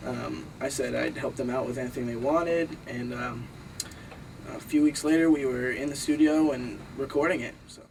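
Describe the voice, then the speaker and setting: Gravelly young man, mic far off. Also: medium pitch, steady tone, normal speed, darkish tone, a little hiss or hum. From Massachusetts. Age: young adult. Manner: hesitant, uh-filled. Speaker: bass player and producer. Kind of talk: casual documentary interview.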